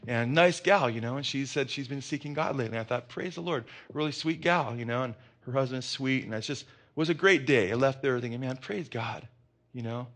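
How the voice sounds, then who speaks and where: Pastor guy, middle-aged, chatty sermon full of stories, keeps restarting and going off on asides. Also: mid-range voice. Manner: animated storytelling, many restarts and asides. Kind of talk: conversational sermon with personal anecdotes.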